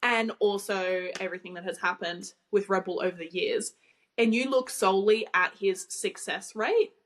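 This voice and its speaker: A woman's voice: medium pitch, normal speed, a bit bright. A woman hosting a casual racing podcast, opening the show and weighing her words with care. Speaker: podcast host. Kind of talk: casual chat.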